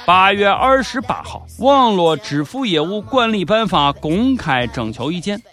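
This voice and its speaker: A man's voice: high voice, very animated, a little slow. A man with a Shaanxi accent delivering comedic scripted news commentary as a host, in a sardonic, mock-serious manner. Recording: background music under the voice. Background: music.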